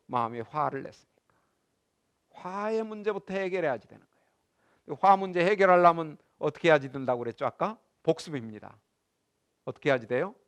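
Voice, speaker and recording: Middle-aged guy teaching a bible class, high voice, acts stuff out and quizzes the room. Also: smooth. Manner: animated, acts out scenes and asks the class questions. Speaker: seminary professor lecturing. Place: lecture room.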